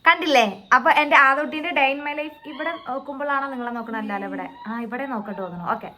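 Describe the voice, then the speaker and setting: A woman's voice: high-pitched, quick pace, pushed and bright. A mother chatting in a casual home vlog, cooing baby talk to her son in a mix of Malayalam and English. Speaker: mother vlogging her baby's day.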